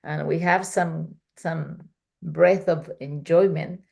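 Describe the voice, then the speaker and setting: A woman's voice: low voice, steady tone, slow pace, creaky, a little mellow, husky. A woman leading a study group, explaining a scripture passage conversationally with everyday examples on a video call. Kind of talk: casual teaching explanation.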